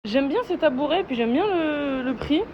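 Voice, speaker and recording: Holding her phone, a young woman vlogs at a moderate pace in a high, expressive voice, joking around in slang and asking her viewers for their opinions. The lo-fi phone audio sounds dull, with music and a noisy background.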